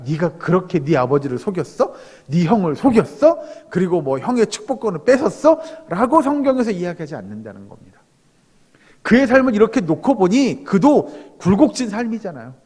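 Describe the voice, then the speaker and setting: A middle-aged male pastor preaching a sermon in a lively, conversational way, acting out the prayers he quotes. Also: high-pitched. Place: church sanctuary. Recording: reverberant church hall.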